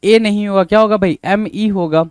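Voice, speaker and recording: A man's voice: high-pitched, fairly even intonation, moderate pace, a little mellow, smooth, no echo. A man with a Hindi accent teaching an English spelling lesson, spelling words out letter by letter and repeating them. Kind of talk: spelling lesson, explaining answers.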